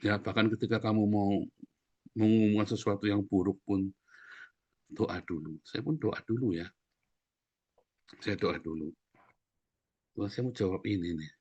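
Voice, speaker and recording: Animated preacher, low voice. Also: male voice, normal speed, dry recording, lo-fi sound. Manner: animated, jokes and acts out quoted voices. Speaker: pastor. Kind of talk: lively sermon.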